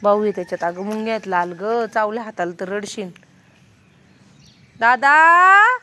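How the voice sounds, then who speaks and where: A woman's voice: medium pitch, steady tone, fast talker. A woman vlogging about her family day, coaxing and scolding her small children. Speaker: vlogger and mother. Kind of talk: casual family vlog.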